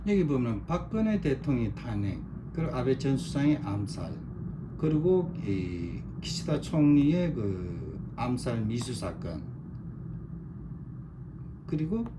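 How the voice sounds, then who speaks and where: Against background noise, a middle-aged online commentator with a mid-range voice walks through a chart in monologue. He points at each item with short demonstratives and says things again and again for emphasis.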